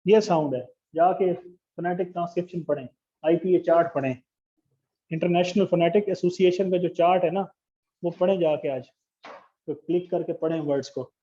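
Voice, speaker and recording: A man's voice: high voice, warm tone. A man teaching English grammar in a classroom lecture, explaining step by step and asking the class questions. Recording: dull lo-fi classroom recording.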